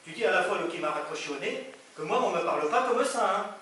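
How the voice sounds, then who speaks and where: A man's voice: high-pitched, expressive, fast talker, a bit bright. A man acting a touchy, stammering son who has just lost his father, on stage in a live play, with a southern French accent. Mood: indignant. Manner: stammers and flares up in indignant bursts. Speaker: stage actor. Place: theatre stage. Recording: echoey theatre, distant mic, audience noise.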